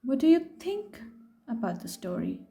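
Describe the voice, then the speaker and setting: Reading to young children from a picture book, a woman speaks on the high side, unhurried and full of expression. She stops at points to ask her small audience questions.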